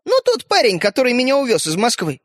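A man voicing a tiny, boastful and sly living toy boy in a storybook, cheeky and excitable. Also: very high voice, fast talker, no room sound, studio quality, pitched above the performer's own voice, exaggerated voice.

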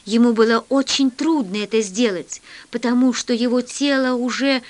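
A woman reading a children's story aloud with expressive storytelling. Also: a little high, normal speed. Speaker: narrator.

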